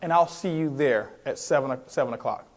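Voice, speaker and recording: In a mid-range voice that runs a little fast, a man gives a motivational sales seminar talk as the trainer. He stresses his points, poses questions directly to the audience, and includes role-played phone calls.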